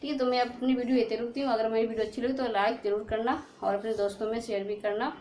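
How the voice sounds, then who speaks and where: Female teacher, high pitch, patient drill-style explaining with lots of repetition, recorded in a reverberant room. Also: fairly even intonation, a little mellow. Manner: repetitive, slowly sounds out letters, keeps checking with "ठीक है". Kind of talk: explaining English spelling rules to students. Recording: echoey room.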